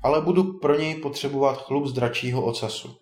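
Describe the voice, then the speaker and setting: A man voicing a kindly, teasing old male wizard in a storybook tale, a bit higher than his narration. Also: darkish tone, close to an everyday voice. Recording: roomy echo.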